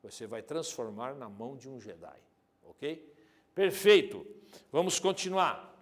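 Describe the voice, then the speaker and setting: A man teaching an anatomy video lesson, lively and joking, speaking straight to the student and swinging between loud and soft. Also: mid-range voice, unhurried. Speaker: exam prep teacher.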